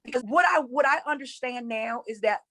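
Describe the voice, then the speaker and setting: A high, pushed, bright voice moves a little fast here. The speaker, a woman from North Carolina with a Southern accent, gives a casual yet earnest spirituality lesson and repeats phrases for emphasis.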